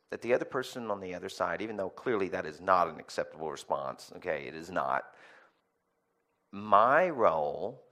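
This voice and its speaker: A man's voice: lowish voice, a bit bright. A man preaching a sermon in a conversational, emphatic way, repeating key phrases and checking in with "okay?" and "right?". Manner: tags lines with "okay?" and "right?". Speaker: pastor.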